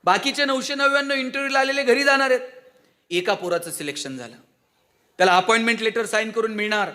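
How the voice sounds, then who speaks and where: A man's voice: extremely high pitch, fast talker, bright, forceful tone. A man giving a motivational speech to students, full of rhetorical questions to the audience. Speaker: motivational speaker.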